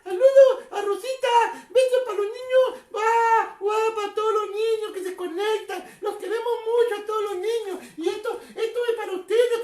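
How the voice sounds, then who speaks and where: A woman doing an excitable, giggling children's clown voice that sits extremely high. She squeals and chatters to the kids watching a live stream. The sound carries a roomy echo.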